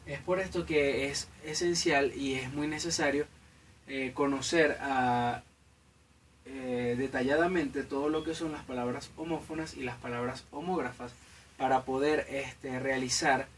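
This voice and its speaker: A man giving a class presentation, halting, with fillers. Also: medium pitch, steady tone. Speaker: student presenter. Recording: distant mic with faint noise.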